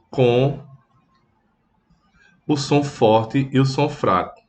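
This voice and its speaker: Brazilian guy teaching kids music, takes it slow, moos like a cow, plays guitar as he goes. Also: mid-range voice. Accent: Brazilian Portuguese. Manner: slow, patient, with animal sound imitations; plays guitar while explaining. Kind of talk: children's music lesson.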